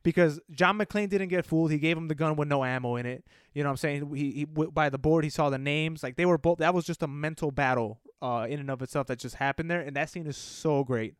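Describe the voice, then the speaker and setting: A man co-hosting a podcast, retelling film scenes in an animated, casual way with some swearing. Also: a little high, fast talker, few pauses, clean tone, no room sound, studio quality. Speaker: podcast co-host. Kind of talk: casual movie review chat.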